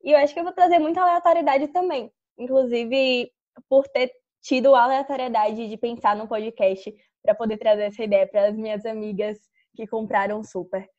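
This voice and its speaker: Casting: casual young Bahian woman podcaster, higher voice, slightly muffled sound. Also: steady tone, moderate pace, a little mellow. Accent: Bahian Brazilian. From Jequié, Bahia, Brazil. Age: early 20s. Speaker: podcast co-host. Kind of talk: casual self-introduction. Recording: dull lo-fi audio.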